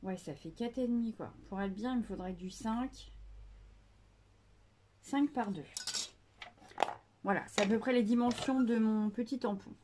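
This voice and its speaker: A woman's voice: a little high, unhurried, pauses often, noisy background. A woman hosting a casual scrapbooking tutorial, chatty and hesitant with many fillers, joking about herself.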